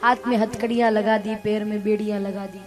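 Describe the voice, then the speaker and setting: A woman narrating a devotional story in a dramatic, animated way. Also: medium pitch, brisk, soft background music.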